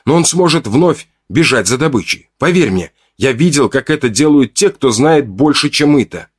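A man's voice: mid-range voice, expressive, moderate pace, breathy edge, pitched above the performer's own voice. A man voicing a young tribesman healer who speaks up earnestly and insistently. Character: young male tribesman, stubborn healer standing his ground.

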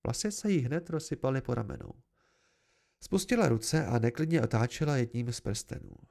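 A man's voice: medium pitch, lively intonation, vocal fry, darkish tone. A man giving an amateur first-person novel narration, reading expressively. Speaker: audiobook reader.

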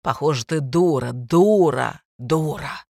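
A woman's voice: deep voice, gravelly, dry recording, clean studio sound, pitched below the performer's own voice, exaggerated voice. Woman voicing a drunk, scornful middle-aged woman. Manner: shouting, mocking, drawn-out slow delivery.

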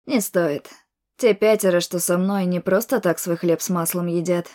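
Female narrator doing arrogant noble brother-mage; low, monotone, mocking. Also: normal speed, close to an everyday voice. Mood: cool.

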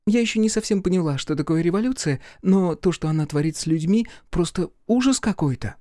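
A man's voice: high voice, animated, fairly quick, mellow, dry recording, voice pushed up. A bold, cheeky young girl from an audiobook tale, as a male reader puts her on. Her lifted, bouncing voice scolds sharply. The sound is dry and close. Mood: bewildered. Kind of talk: audiobook character voice.

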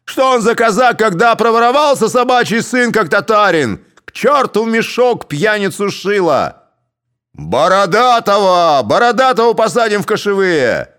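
A man shouting as a roaring drunken Cossack mob. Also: sits high, sing-song, moderate pace, clear, resonant tone, voice pushed up. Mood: bellowing. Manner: bellowing, jeering shouts.

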